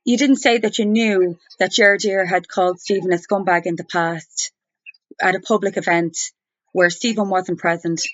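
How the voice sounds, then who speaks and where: A woman speaking over the phone, challenging someone in an insistent, deliberate, argumentative way. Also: lowish voice, fairly even intonation, a bit bright. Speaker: complainant challenging a journalist. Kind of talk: confrontational phone conversation. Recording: muffled, roomy recorded phone call.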